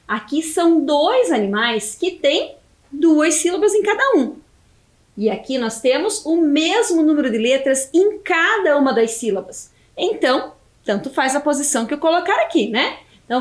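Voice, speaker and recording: A Brazilian Portuguese woman teaching a video lesson for young children, slowly stretching syllables as she spells words out. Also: high voice, roomy sound. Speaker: primary school teacher.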